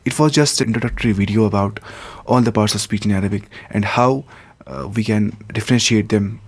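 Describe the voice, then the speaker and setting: A man's voice: on the low side, expressive, fairly quick. Man teaching grammar with repeated examples. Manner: repeats terms and examples, adds English glosses. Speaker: Arabic teacher. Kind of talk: explaining grammar lesson.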